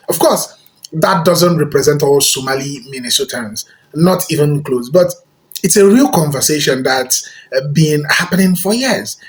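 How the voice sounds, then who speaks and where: A narrator reading a scripted commentary segment in a measured way. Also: medium pitch.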